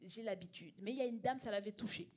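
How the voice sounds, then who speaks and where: An early-20s Belgian stand-up comedian with a mid-range, slightly mellow, breathy voice talks fast. Performing live on a comedy club stage, she tells stories emphatically and conversationally, acting out dialogue as the audience laughs.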